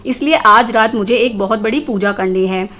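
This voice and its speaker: A woman's voice: fairly high pitch, normal speed, fairly bright tone. A woman narrating a scripted film recap, addressing viewers as guys.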